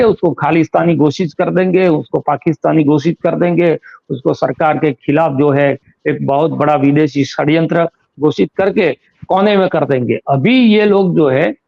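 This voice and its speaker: A man's voice: fairly high pitch, gravelly, darkish tone. A man speaking as a political analyst in an interview, making his case with pointed rhetorical questions. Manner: argumentative, fires rhetorical questions. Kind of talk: interview commentary. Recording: slightly dull lo-fi audio.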